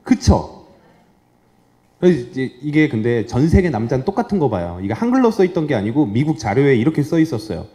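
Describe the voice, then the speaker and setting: A man in his thirties, a veterinarian giving a lively, joking talk to an audience and acting out dogs and owners. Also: mid-range voice, a little fast. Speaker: veterinarian giving a public lecture. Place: lecture hall with a live audience.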